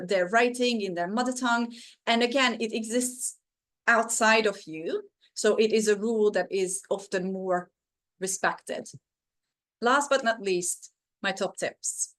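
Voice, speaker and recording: A woman whose first language is Hungarian presents a teaching webinar over a video call, earnest and encouraging, with frequent fillers. Her voice is a little high and fairly bright.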